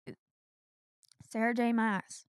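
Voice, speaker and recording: A woman's voice: fairly high pitch, little pitch movement, slow, clear, resonant tone, dry recording, clean studio sound. A young adult woman co-hosting a podcast, chatting casually with lots of filler words. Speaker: podcast co-host. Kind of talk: casual chat.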